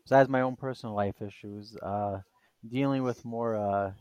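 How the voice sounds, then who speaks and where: A man's voice: on the low side, moderate pace, darkish tone, clear, resonant tone, dry recording, dull audio. A man co-hosting a casual podcast who rambles with many fillers and restarts. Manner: rambling, hesitant, full of fillers. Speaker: podcast co-host.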